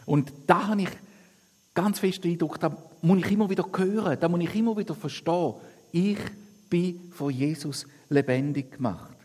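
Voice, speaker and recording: A man's voice: high voice, moderate pace, a little mellow, breathy edge. A man preaching earnestly to his congregation, repeating phrases for emphasis and reading a passage aloud. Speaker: pastor. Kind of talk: sermon with Bible reading and prayer. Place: church. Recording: long reverb of a church hall.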